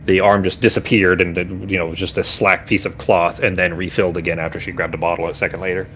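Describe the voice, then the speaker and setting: A man's voice: sits low, flat delivery, quick pace, a bit bright, slight background noise. A man narrating a tabletop game as game master, rambling and searching for words with many restarts.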